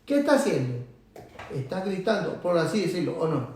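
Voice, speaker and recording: A man with a high voice and big pitch swings delivers a sermon at a fairly quick clip, urging his congregation on and rising in volume to hammer his points. The echoey church hall recording is distant and carries a slight hiss or hum.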